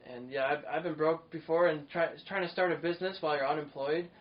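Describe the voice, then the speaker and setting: A podcast host talks fast in a slightly high voice with fairly even intonation, chatting casually, rambling eagerly and using many filler words. The recording has a dull, lo-fi quality with faint noise.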